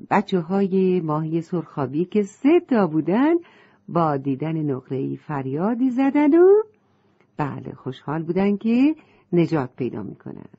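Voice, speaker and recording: A woman narrating a children's story in a gentle storytelling manner. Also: fairly low pitch, breathy edge, lo-fi sound.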